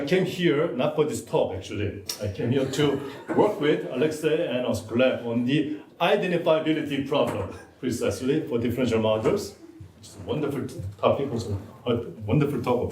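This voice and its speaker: A native Korean man gives a relaxed, chatty academic talk, often repeating words as he writes on the board. He sounds distant, picked up in a roomy, echoing seminar room. Faint clicks sit under his voice. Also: medium pitch, a little hiss or hum. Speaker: seminar speaker. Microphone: distant room mic. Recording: echoey room, far mic.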